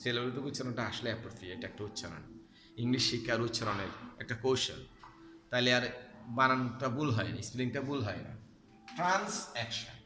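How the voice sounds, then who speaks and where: A man teaching an accounting class, asking students questions and repeating key terms slowly so they stick. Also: medium pitch. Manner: addresses students directly with questions. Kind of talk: classroom lecture. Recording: echoey hall with faint background noise.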